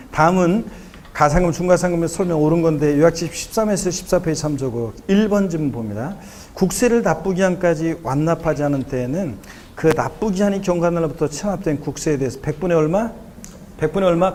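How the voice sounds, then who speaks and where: Tax lecturer, male, slightly high voice, chatty teaching style, faint noise behind. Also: darkish tone. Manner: chatty, joking asides between explanations; quizzes the class and answers himself. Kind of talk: exam problem lecture.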